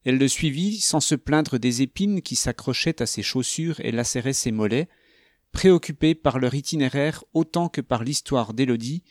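A man reads a novel aloud in a calm, even manner. His voice has an ordinary male pitch and a close, dry sound with no room around it. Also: dry recording. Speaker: narrator. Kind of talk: audiobook narration.

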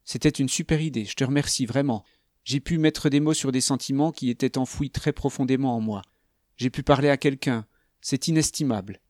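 A man voicing a young woman hiker who is tired but candid, spoken gently in a conversational tone. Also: mid-range voice, a little fast, no room sound, studio quality, lightly acted. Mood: reflective.

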